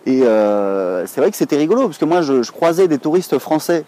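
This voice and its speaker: A man's voice: a little high, expressive, moderate pace, mellow. A French man in his thirties talking casually to camera, chatty and rambling with many hesitations. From France. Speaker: online English teacher, blogger.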